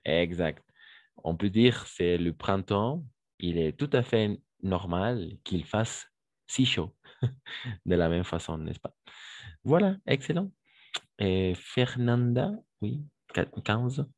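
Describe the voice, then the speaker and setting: A man with a very low voice gives an online French lesson, speaking slowly and with care. He repeats each verb form and praises the answers one by one. The sound is dry and close, as on a video call. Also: lively intonation, a little mellow, dry recording. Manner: patient, repeats forms slowly and praises students. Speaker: French teacher.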